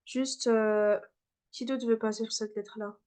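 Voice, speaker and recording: A woman's voice: on the high side, steady tone, a little slow, a little mellow. A woman teaching a beginner class, patiently repeating and demonstrating letter sounds. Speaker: Arabic teacher.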